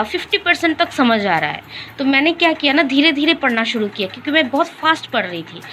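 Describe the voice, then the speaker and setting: A woman's voice: sits high, bright, forceful tone, a little hiss or hum. A young woman chatting casually in a study vlog, explaining her approach with lots of fillers and restarts. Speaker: vlogger.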